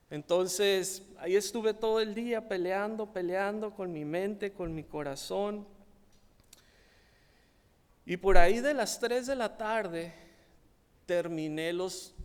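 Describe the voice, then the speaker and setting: A man with a Mexican Spanish accent preaching a sermon built on personal testimony, slow and emphatic, rising when he stresses a point. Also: high voice, clear, resonant tone. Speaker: pastor. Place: church hall. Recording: long hall reverb.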